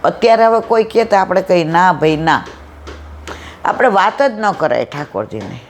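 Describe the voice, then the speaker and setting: A woman giving a devotional satsang talk, telling stories and acting out the dialogue lively. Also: on the low side, moderate pace, slight background noise. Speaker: satsang speaker.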